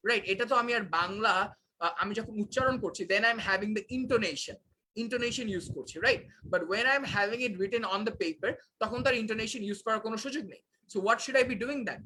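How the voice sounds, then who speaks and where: High, bright-voiced tutor. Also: male voice, slight background noise, low-quality recording. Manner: switches between Bangla and English, frequent "uh" fillers. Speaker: teacher. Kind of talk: live online class lecture.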